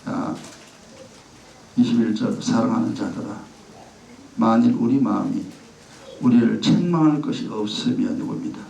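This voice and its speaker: A man's voice: lowish voice, normal speed, gravelly, long pauses, dark tone. A male pastor giving a conversational sermon, often acting out a child's pleading voice. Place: church sanctuary. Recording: echoey church sound from a distance.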